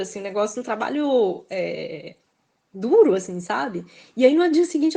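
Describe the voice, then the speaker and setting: This woman's voice sits on the high side and is a little mellow; she's a guest author from Belo Horizonte with a Minas Gerais accent. In casual interview talk she's reflective and hesitant, uses "assim" as filler, and often laughs.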